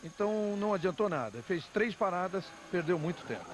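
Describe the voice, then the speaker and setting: A man's voice: high-pitched, very animated, a little fast. A Brazilian man giving unscripted motorsport commentary as the analyst, explaining at length in rambling detail. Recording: engine noise behind voice. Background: race cars and trackside ambience.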